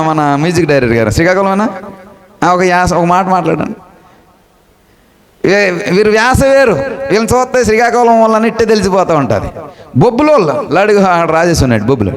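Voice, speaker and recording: A man, preaching a sermon as pastor, asking the congregation questions and leaping high in pitch to stress his points. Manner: animated, lively pitch swings, rising high for emphasis; conversational, asks the congregation questions.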